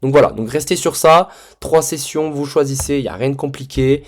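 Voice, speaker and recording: A man's voice: mid-range voice, a little fast. A man teaching a trading lesson in a casual, direct way, with many fillers and frequent check-ins with his viewers. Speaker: trading mentor.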